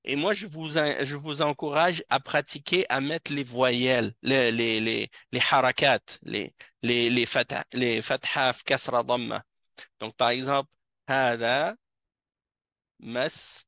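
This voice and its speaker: A patient male teacher giving a classroom language lesson, saying each word again and again at an unhurried pace. His voice is bright and forward. The sound is close and dry, with little room echo. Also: medium pitch, steady tone. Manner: patient, repeats each word several times. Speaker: Arabic teacher. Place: mosque classroom.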